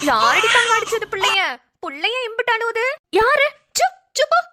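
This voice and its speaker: A sharp-tongued old village mother from a family cartoon who scolds loudly but dotes on the baby, as a woman voices her. Her voice is very high and bright, and she nags dramatically. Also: big pitch swings, moderate pace, exaggerated voice. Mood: doting. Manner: loud, nagging, dramatic. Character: scolding elderly village mother, blunt and caring. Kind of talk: cartoon voice acting.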